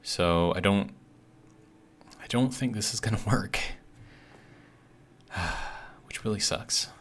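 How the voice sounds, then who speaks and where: Man, low voice, casual gaming host, hesitant thinking aloud, slightly awkward articulation. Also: takes it slowly. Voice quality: slightly awkward speech from a healing bitten tongue. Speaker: host of a gaming video series. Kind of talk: casual gameplay commentary.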